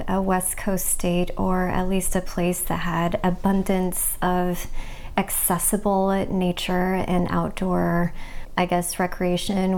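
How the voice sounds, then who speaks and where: A woman in her forties from the US Midwest, telling her story in a relaxed, reflective way as an interview guest, with thoughtful pauses. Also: fairly low pitch. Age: 40s. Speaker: guest artist.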